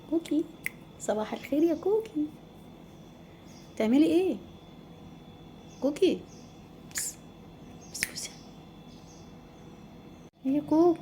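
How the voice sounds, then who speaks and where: A woman with an Egyptian Arabic accent, talking softly and coaxingly to her cat in casual pet talk. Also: high voice, a little hiss or hum. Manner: soft, coaxing, sing-song pet talk. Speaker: pet channel host. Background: faint birdsong outdoors.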